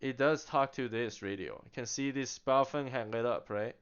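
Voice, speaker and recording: Speaking at a normal pace with a clean, medium-pitched tone, a man gives a casual walkie-talkie demonstration. He's a chatty product demonstrator who poses rhetorical questions and answers them himself, laughing a little and restarting now and then, on a slightly dull lo-fi recording.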